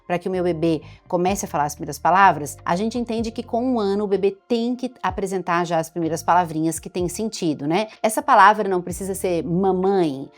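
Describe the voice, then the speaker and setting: A woman doctor with a Brazilian Portuguese accent, explaining baby development to parents in a chatty, lively way. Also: on the low side, brisk, few pauses. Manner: chatty, warm explainer, imitates baby sounds and baby talk. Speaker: doctor giving parenting advice. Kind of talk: explanatory talk to camera.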